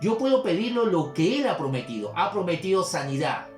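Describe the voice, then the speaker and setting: A man's voice: high voice, very animated, a little fast. A male pastor preaching a sermon, explaining with examples and scripture. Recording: echoey room with soft guitar music. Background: soft guitar music.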